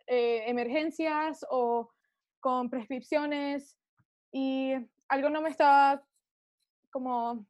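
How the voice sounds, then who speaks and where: A woman's voice: high-pitched, no room sound, studio quality. A young woman in a casual interview, more at ease in English, speaking hesitant Spanglish and searching for words. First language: more at ease in English than in Spanish. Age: young adult. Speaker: podcast guest, student of Chinese medicine.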